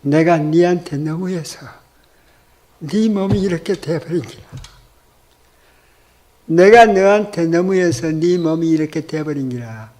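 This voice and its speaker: A man's voice: on the high side, darkish tone, close to an everyday voice. A man doing a remorseful husband in Gyeongsang dialect. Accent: Gyeongsang Korean. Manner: dialect speech, slow. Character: remorseful young husband, quiet and tearful.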